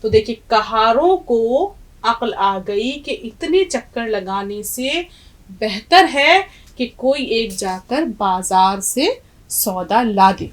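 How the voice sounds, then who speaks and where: The recording is low quality, and the woman's voice is fairly high and animated. A middle-aged teacher from India, she conducts an Urdu lesson in classroom fashion, directing her students and carefully spelling each word letter by letter, slowing at each sound.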